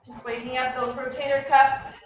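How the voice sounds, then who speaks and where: Female workout instructor, high-pitched, energetic and encouraging, clipped commands and countdowns, recorded off-mic in a very echoey room. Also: moderate pace. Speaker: fitness coach leading a warm-up. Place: echoey indoor room, heard from a distance. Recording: very echoey room, distant mic, faint noise.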